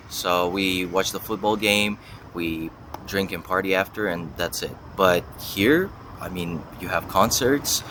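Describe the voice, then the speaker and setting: With background noise around him, a young man with a low voice answers interview questions casually as a university student. He's from Russia and the US, a young adult who thinks aloud and hedges along the way.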